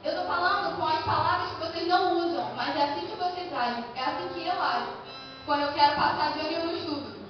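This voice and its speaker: Brazilian woman preaching, really high voice, far from the mic in a big echoey church, faint music under it. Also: fast talker, muffled recording. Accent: Brazilian Portuguese. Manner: animated, acts out quoted reactions in her own voice. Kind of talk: sermon. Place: church hall.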